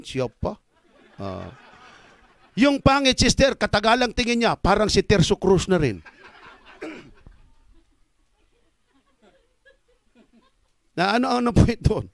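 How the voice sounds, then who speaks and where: A high-pitched, middle-aged man preaching with great animation. He bursts into shouts, then drops to quiet asides, and the sound is dry and close with no room echo. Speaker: evangelist. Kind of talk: sermon.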